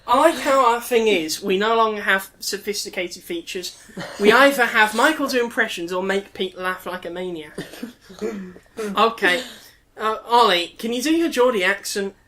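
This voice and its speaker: A woman's voice: mid-range voice, moderate pace, pushed and bright. Upbeat woman hosting a comedy podcast. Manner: upbeat, runs the segments. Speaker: podcast host. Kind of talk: casual comedy chat.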